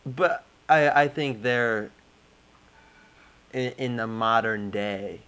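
A young man in casual chat, curious and quick with follow-up questions. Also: mid-range voice, a bit bright, smooth.

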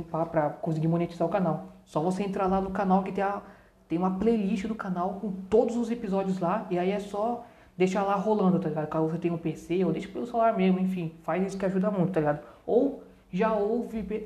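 A woman with a Brazilian Portuguese accent hosts a podcast in a lowish, dark-toned voice. She talks casually and with plenty of slang, drifting off into asides. The sound is roomy, with noticeable echo. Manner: colloquial and slangy, rambling with asides. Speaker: podcast host. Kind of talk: casual chat with channel announcements.

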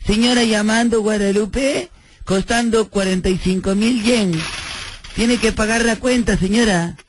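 A man doing a stiff foreign phone operator, high and noisy. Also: steady tone, measured pace. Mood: officious. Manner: broken clipped speech. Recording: noisy radio prank recording.

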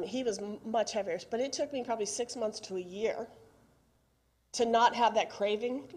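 A woman's voice: mid-range voice, darkish tone. A middle-aged woman, preaching a sermon in a conversational way and putting questions straight to the congregation. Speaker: pastor.

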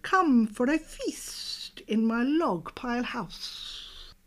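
A woman's voice: a little high, animated, extremely slow, voice pushed up. Woman doing a slinky, swooping storybook snake. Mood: luring.

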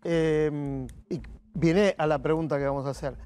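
A man, a TV panelist asking measured questions. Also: a little high, steady tone, warm tone, clean tone.

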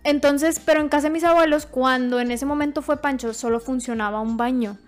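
A young woman telling a funny story on a podcast, lively and quick to laugh. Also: sits high, faint music behind. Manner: lively, laughs often, restarts phrases. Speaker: podcast guest. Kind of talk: casual storytelling.

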